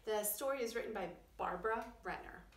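A middle-aged preschool teacher with a medium-pitched voice reads a children's story at a fairly quick pace, explaining things simply for young listeners. She's in a small wood-panelled room, picked up by a camera a few feet away, so the sound is roomy and distant.

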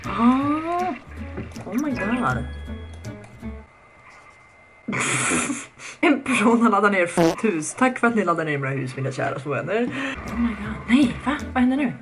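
A young woman giving casual let's-play commentary, chatty and excitable, swearing often and reading game text aloud. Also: mid-range voice, long pauses. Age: young adult. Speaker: gaming video creator. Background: background music.

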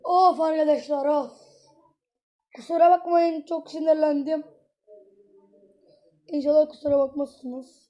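Very high-voiced, exasperated woman gamer. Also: unhurried, long pauses, muffled recording. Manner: exasperated, excitable, ranting at the game. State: hoarse. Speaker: gameplay vlogger. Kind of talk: live mobile gameplay commentary. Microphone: tablet.

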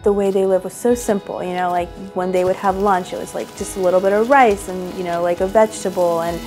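A young woman, a fashion designer who owns a boutique, sits across from an interviewer in an indoor room and tells her story earnestly and chattily with many "like" fillers. She speaks fast in a lowish, steady voice; the recording is low quality, with soft music underneath.

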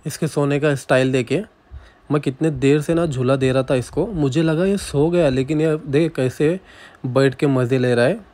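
A man's voice: a little high, moderate pace, darkish tone. A young man chatting casually on a family vlog at home, teasing his wife and playing with his little son. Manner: chatty, teasing, playful with a toddler. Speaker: vlogger, husband and father.

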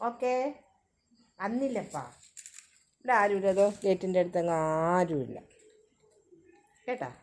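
A woman's voice: medium pitch, animated, unhurried, long pauses, a little mellow. A woman filming her pet dog outdoors near her home gate, talking to it in coaxing, sing-song baby talk.

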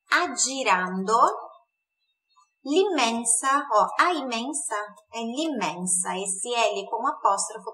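Woman teacher, high-pitched, bright tone, patient explaining, repeats words. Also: rough recording. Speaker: Italian teacher. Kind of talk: online language lesson.

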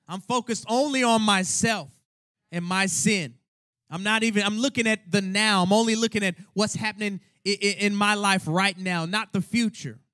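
A man's voice: high voice, steady tone, normal speed, bright, forceful tone, no echo, studio quality. A man preaching a sermon as pastor, earnest and conversational, with colloquial asides to the congregation. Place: church sanctuary.

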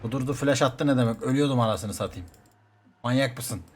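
A young man streaming a game, reacting live in quick excitable outbursts and often repeating words. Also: mid-range voice, slight background noise. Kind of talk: live gameplay commentary.

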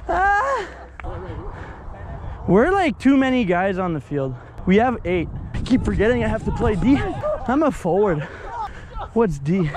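A young man with a Québécois French accent giving joking, excitable commentary while playing soccer, out of breath. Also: very high-pitched. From Quebec, Canada. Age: young adult. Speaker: hockey player. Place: outdoor field. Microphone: body-worn action camera.

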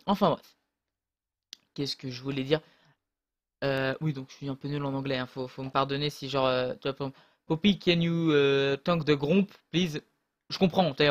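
A man's voice: on the high side, highs cut off. A man casually commentating his own online match, rambling and hesitant with many fillers and restarts, on a close desk mic.

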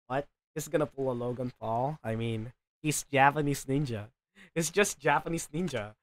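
At medium pitch and a moderate pace, the man reads dialogue from the game he's livestreaming, keeping it playful with ad-libs and the occasional stumble. Video game music plays in the background.

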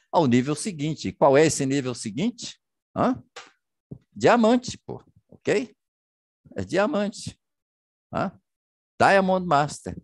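A business presenter walks through a plan on shared slides over a video call, chatty and constantly tossing in checking tags and rhetorical questions. His medium-pitched voice comes through a computer mic, clean and studio-like with no room sound.

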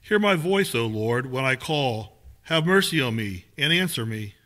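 A man reading scripture aloud in a steady, measured way during a church service in a small sanctuary, picked up by a far camera. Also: medium pitch. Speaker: lay reader.

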